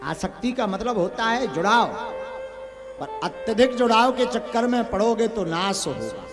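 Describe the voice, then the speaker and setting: A man's voice: high-pitched, sing-song, measured pace. A male preacher with a north Indian Hindi accent, telling a scripture story in a sing-song way, acting out dialogue and putting questions to the crowd. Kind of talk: devotional sermon with storytelling. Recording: live sermon with instrument music behind. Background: musical instrument accompaniment.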